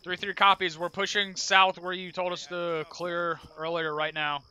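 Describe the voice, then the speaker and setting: Sharp, forceful higher-pitched male squad leader. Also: little pitch movement, normal speed. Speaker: squad leader in field training. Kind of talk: military orders and radio calls. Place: outdoors in a field exercise.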